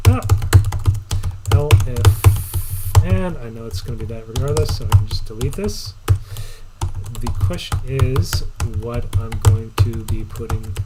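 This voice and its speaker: A man thinking aloud as he codes, muttering to himself in short, trailing fragments in a casual live-stream commentary style. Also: medium pitch. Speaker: programmer streaming live coding. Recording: loud background noise, keyboard clatter. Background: typing and mouse clicks.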